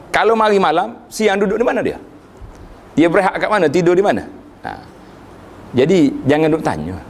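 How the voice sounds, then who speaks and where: Male preacher, lively lecture delivery with sudden high-pitched emphasis, slightly higher voice. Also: a little hiss or hum. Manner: animated, rises sharply in pitch for emphasis, recites Arabic verses. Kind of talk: religious lecture.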